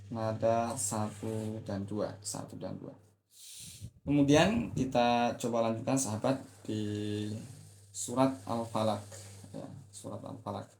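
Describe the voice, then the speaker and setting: Seorang pria guru mengaji yang menjelaskan pola nada dengan tenang lalu melantunkan ayat secara panjang dan berirama, dengan logat Indonesia. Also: male voice, fairly low pitch, reverberant, a little hiss or hum. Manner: calm explanation, asks for attention, then drawn-out melodic chanting. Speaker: Quran recitation teacher. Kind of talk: online Quran reading lesson.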